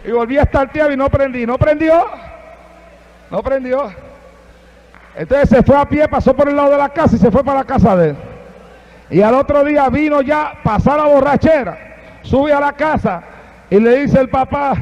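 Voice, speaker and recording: A man's voice: very high voice, a little fast, vocal fry, darkish tone. A man preaching a fervent Pentecostal sermon in a church, telling a story and calling out to the congregation. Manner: fervent storytelling, calls and tongues. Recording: dull old sermon recording.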